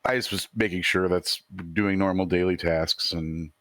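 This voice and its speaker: A man's voice: deep voice, fairly even intonation, moderate pace, fairly bright tone, no echo. A man taking part in a tabletop game as a player, thinking aloud with frequent restarts. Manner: musing, full of restarts. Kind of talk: casual play at a tabletop game.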